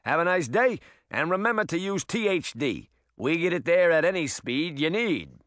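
A man voicing a pushy, fast-talking male delivery rabbit in an audiobook who squeaks and wheedles for a tip. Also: big pitch swings, a bit bright, dry recording, studio quality.

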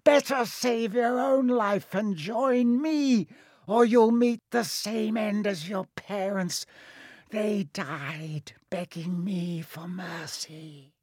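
A narrator voicing an evil, disembodied dark wizard with a high, hissing voice and a slow, menacing delivery, in a storybook reading. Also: no room sound, clean studio sound. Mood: snarling threat. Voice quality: high, hissing, breathy whisper at times.

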